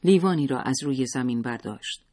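Husky-voiced male narrator for a dramatic audiobook, measured and steady. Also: mid-range voice. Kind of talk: scripted story narration.

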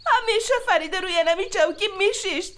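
A woman's voice: extremely high pitch, fairly bright tone. A woman with an Afghan Dari accent playing a jealous young wife who pleads and accuses her husband in a drama. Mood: tearful.

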